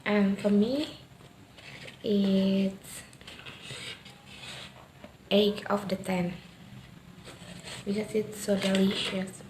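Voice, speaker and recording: A woman with an Indonesian accent doing a casual food review vlog in simple, halting non-native English. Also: mid-range voice, little pitch movement. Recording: echoey room with faint background noise.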